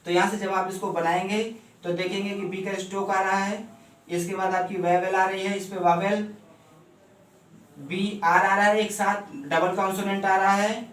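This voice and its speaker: A man teaching shorthand step by step, explaining at a board in speech and often asking if it is clear. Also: high voice, normal speed. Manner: steady, repeats "ठीक है ना" often. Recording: echoey room, mic far off, faint hum.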